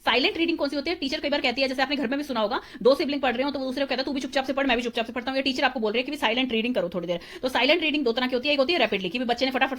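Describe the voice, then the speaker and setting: A young woman tutor giving a rapid exam revision lecture, explaining terms in a mix of Hindi and English. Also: high voice, fairly bright tone. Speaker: teacher-training tutor.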